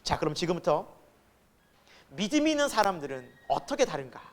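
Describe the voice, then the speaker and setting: A pastor preaches a Sunday sermon, firing rhetorical questions at the congregation and acting out quoted voices. He swings from sudden loud emphasis to soft asides, his fairly high voice sing-song and a little fast.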